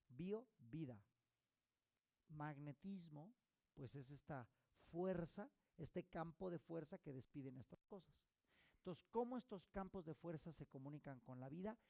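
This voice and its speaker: A holistic therapy instructor teaches a recorded course lecture, explaining through rhetorical questions and quick "ok?" check-ins. His voice is a little high, expressive, gravelly and mellow, with no echo.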